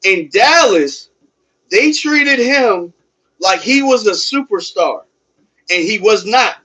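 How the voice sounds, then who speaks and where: A man's voice: sits high, animated, slow pace, bright, forceful tone, husky, poor audio. A man hosting a casual sports livestream, talking emphatically while exercising on a treadmill and repeating phrases for stress. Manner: emphatic, repeats phrases, poses rhetorical questions. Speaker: sports fan livestream host.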